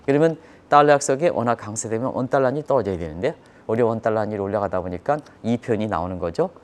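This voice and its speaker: An economic commentator with a lowish, expressive voice delivers live financial news at rapid-fire speed, walking through it step by step, repeating key terms, and asking viewers rhetorical questions.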